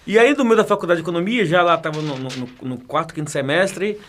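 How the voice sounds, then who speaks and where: A man in his 40s from Bahia, Brazil, a federal police chief and teacher, chats casually as an interview guest, joking, laughing often and repeating words. His slightly high voice moves fast, with a little hiss or hum in the audio.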